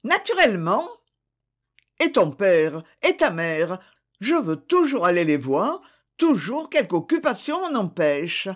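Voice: mid-range voice, big pitch swings, a little slow. A reader voicing a jovial, kindly middle-aged male wine merchant in an audiobook, with a hearty, exclaiming manner. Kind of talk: audiobook character voice.

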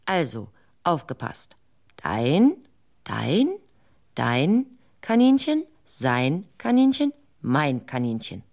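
A shrewd wandering man in a radio fairy tale, put on by a woman narrator. He speaks low and slowly, sly and knowing. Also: big pitch swings, darkish tone.

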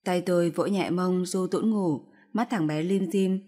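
A woman narrating a story in first person with a steady, expressive reading. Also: on the low side, measured pace, breathy edge.

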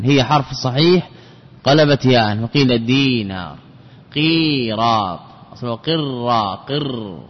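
Man teaching in an echoing hall. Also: mid-range voice. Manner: repeats words slowly and drills each example. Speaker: teacher of Arabic grammar. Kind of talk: classroom lesson. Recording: dull lo-fi recording with long hall reverb.

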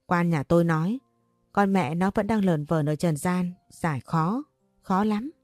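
A woman voicing a greedy, sly older male shaman who talks in a slow, knowing, wheedling way. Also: lowish voice, a little mellow, no room sound, studio quality, faint music behind, lightly acted.

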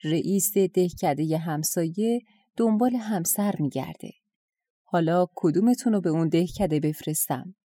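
A woman voicing a dutiful, worried old father in a storybook folktale, speaking in a gentle, pleading way. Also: lowish voice, dry recording, natural voice. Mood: earnest.

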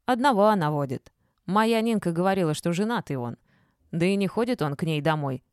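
A woman's voice: lowish voice, lively intonation, a little fast, a little mellow, clean tone, no echo, studio quality, natural voice. A woman reading an audiobook, voicing a wary, questioning old woman who keeps a kitten. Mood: chiding. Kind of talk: audiobook character voice.

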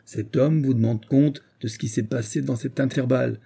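A man's voice: medium pitch, steady tone, normal speed, vocal fry, warm tone, slightly rough. A man reading aloud, voicing an impatient young army captain who speaks with vehement urgency. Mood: urgent.

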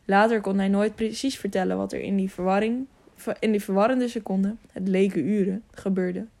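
Gravelly-voiced woman narrating an audiobook. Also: mid-range voice, a little fast. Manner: steady reading with occasional self-corrections. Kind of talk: scripted narration of a children's adventure novel.

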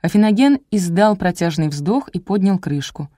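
A woman reading a first-person detective audiobook in a brisk, wry storytelling manner. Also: on the low side, lively intonation, dark tone, no echo, clean studio sound. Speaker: audiobook narrator. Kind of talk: scripted first-person narration.

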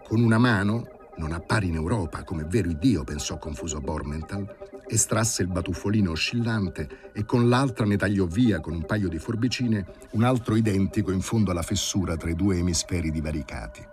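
Man, audiobook narrator, very low voice, measured dramatic reading, faint music underneath. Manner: measured, vivid storytelling. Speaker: audiobook reader.

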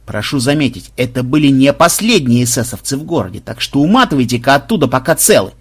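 A man voicing a calm, sardonic male guide with a dry, measured delivery. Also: mid-range voice, husky.

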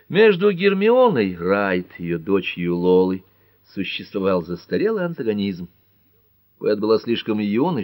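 A man reading a detective novel as an audiobook in a measured, expressive narration. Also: on the low side, no echo. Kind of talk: scripted narration.

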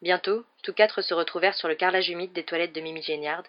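Woman audiobook narrator, low voice, measured, muffled lo-fi recording. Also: fairly even intonation. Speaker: audiobook reader.

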